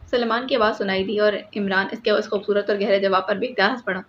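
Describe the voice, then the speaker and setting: A woman narrating an audiobook in a steady, measured storytelling manner. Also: medium pitch. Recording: slightly muffled with faint hiss.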